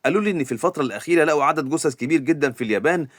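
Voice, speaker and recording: A man's voice: on the high side, expressive, racing, no echo, studio quality, natural voice. A man voicing a shrewd talkative mafia advisor. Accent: Egyptian Arabic.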